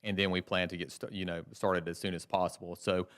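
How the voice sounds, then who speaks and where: Male applicant, hesitant, very low and monotone. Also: brisk. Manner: hesitant, filler-heavy. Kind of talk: answering a board.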